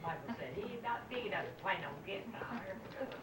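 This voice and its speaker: A woman's voice: mid-range voice, lively intonation, a little fast, reverberant, recorded from a distance, loud music behind the voice. A woman doting and chatting while a child opens gifts, heard on an old VHS home video recording. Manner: chatty, doting, fond laughter. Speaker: family member at a child's party. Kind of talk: casual family chat.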